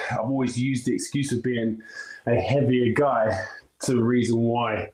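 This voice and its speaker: A man's voice: medium pitch, a little mellow, roomy sound, poor audio. A man coaching as he trains, casual and often out of breath, swearing and thinking aloud between sets in a gym. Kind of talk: casual workout walkthrough livestream.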